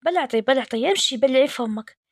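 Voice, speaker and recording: A woman's voice: sits high, expressive, quick pace, no echo, studio quality. A woman voicing a grumpy, sleepy middle-aged uncle who grumbles in an Algerian Arabic accent. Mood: grumbling. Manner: gruff, grumbling.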